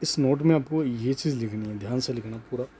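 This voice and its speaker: A man teaching a grammar class, slowly dictating notes and repeating key words, often checking in with "okay". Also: medium pitch, warm tone, slight background noise. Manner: slow emphatic dictation, repeats words, frequent "ठीक है".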